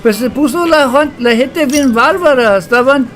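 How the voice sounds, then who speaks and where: A Texas man with a very high, slightly bright voice chats casually on a game livestream, joking around in slangy, bilingual talk at a normal pace. Soft music plays behind him.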